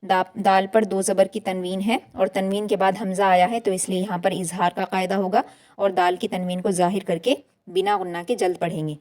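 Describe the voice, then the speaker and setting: A woman teaching recitation step by step, reading each word slowly and repeating it, then explaining it patiently. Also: fairly low pitch, darkish tone. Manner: slow, drawn-out recitation between plain explanations.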